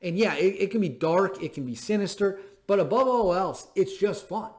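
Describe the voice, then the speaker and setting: A man's voice: high-pitched, animated, moderate pace. A thirty-year-old man hosting a show, speaking an emphatic, plainspoken commentary monologue and repeating phrases for stress. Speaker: show host. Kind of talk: opinion commentary monologue to camera.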